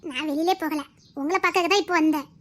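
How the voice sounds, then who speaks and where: A woman voicing a sweet young village girl, talking softly and pleadingly in a family drama. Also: sits high, fast talker, natural voice. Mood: gentle. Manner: soft, pleading and meek. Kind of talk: home-made family drama acting.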